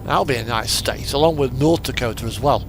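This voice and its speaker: Speaking briskly at medium pitch, a man streams a driving game and thinks aloud in a casual, rambling way. The background is noisy, filled with radio music and the rumble of a truck engine.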